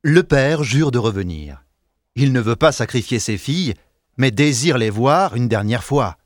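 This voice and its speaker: A man narrating a storybook audiobook with clear, expressive delivery, close to the mic. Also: medium pitch, unhurried, no echo.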